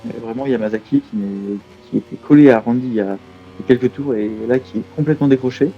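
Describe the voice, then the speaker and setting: A man's voice: mid-range voice, brisk, lo-fi sound, slight background noise. A man adding casual remarks as co-commentator on a live motor race.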